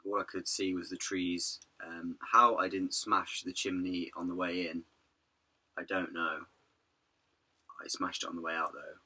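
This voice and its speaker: A hoarse man, telling his vanlife story in a rambling, chatty way. He says he is losing his voice. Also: deep voice, little pitch movement, a little slow, pushed and bright. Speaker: vanlife vlogger. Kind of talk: casual vlog narration.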